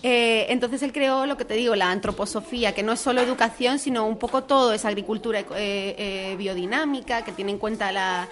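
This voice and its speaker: A woman's voice: fairly high pitch, fairly quick, hardly any pauses. A woman from a school answering interview questions, explaining earnestly with hesitations. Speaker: school staff member. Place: school classroom with children.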